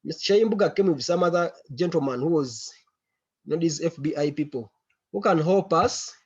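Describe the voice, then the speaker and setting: A man gives a report to colleagues over a conference call. His voice is on the high side and somewhat husky, and he circles back over his phrases. The online audio is a bit dull. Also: normal speed. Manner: repeats words and phrases while recounting. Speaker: member of an organisation reporting to a meeting.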